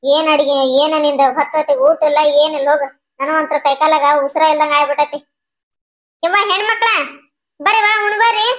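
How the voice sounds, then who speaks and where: A woman voicing a sharp-tongued, stingy old mother-in-law in a cartoon, nagging and scolding in a North Karnataka Kannada accent. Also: high-pitched, steady tone, fairly quick, natural voice. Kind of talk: cartoon voice acting.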